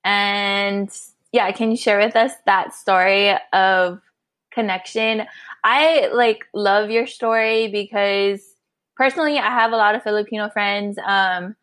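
A woman's voice: mid-range voice, steady tone, unhurried, fairly bright tone. A woman from Hawaii hosting a podcast, chatting in a friendly, casual way with fillers. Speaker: podcast host.

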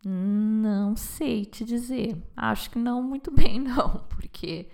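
Gravelly-voiced woman hosting a podcast. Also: fairly high pitch, slow, a little mellow. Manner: chatty, asks follow-up questions. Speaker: podcast host. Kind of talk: casual interview chat.

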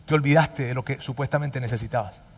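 A man preaching a sermon as pastor, emphatic and animated, dropping to a hush and then rising loud again. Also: medium pitch, fairly quick, husky, big-room sound.

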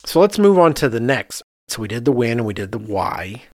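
In a casual podcast discussion on architecture, this American co-host, himself an architect, explains ideas while thinking out loud. He speaks at a brisk clip in a medium pitch and is very animated. The audio is dry and clean, studio quality.

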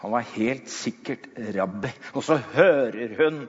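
A man preaching in a dramatic storytelling style, slowing down and dropping low for emphasis. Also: lively intonation. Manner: slows down and drops low for emphasis. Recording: dull sound in a long-echo hall.

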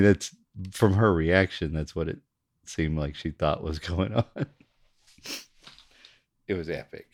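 A man's voice: low voice, a little mellow. A male podcast co-host telling a story in casual chat, laid-back, laughing often and swearing casually.

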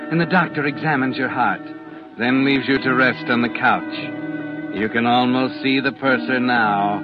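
A man narrating a 1940s radio drama in the second person, measured and suspenseful. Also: mid-range voice, close to an everyday voice. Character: grave male narrator guiding the hero. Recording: lo-fi old radio recording with music.

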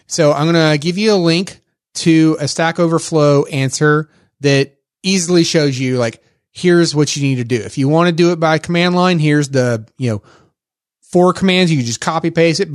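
Recorded cleanly in a studio with no room sound, this podcast co-host has a slightly high voice and a Texas accent. His tech talk is loose and rambling, packed with fillers and restarts.

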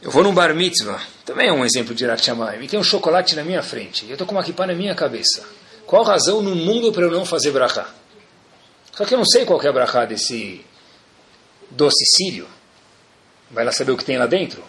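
A Brazilian man gives a religious lecture in a bright, lively voice. His pitch sits a little high and roams widely as he questions his listeners and teases them with humor. He sounds like an engaged teacher working a room. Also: a little fast. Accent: Brazilian Portuguese. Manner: animated, asks rhetorical questions, jokes with the audience. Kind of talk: Torah class lecture.

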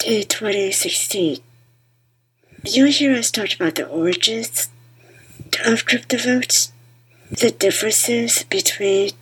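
Very breathy, husky woman podcast host. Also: medium pitch, fairly bright tone, low-quality recording. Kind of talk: podcast introduction and interview.

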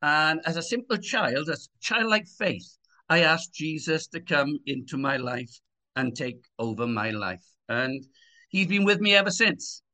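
A man in his sixties with a Swansea Welsh accent speaks as a guest in a conversational interview. His voice sits a little high for a man and has a clearly bright, forward edge. He talks in a personal, testimonial style. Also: animated, a little slow. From Swansea, Wales. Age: 60s.

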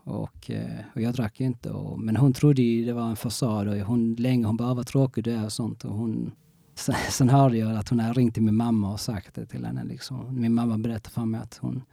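Gravelly-voiced man in casual interview. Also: medium pitch, steady tone, mellow, no room sound, clean studio sound. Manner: halting, frequent restarts, many fillers.

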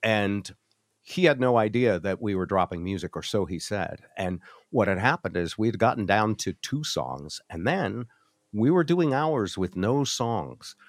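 A man's voice: fairly low pitch, lively intonation, measured pace, no room sound, clean studio sound. A middle-aged American man, a former radio host, casually reminiscing and acting out old exchanges as he tells the story. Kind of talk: casual reminiscing on a group call. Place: video call.

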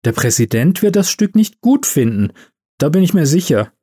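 A man's voice: a little high, normal speed, husky, pitched above the performer's own voice. A man voicing a jittery young elf woman. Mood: worried. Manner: excitable, conspiratorial. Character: nervous, scheming young female elf.

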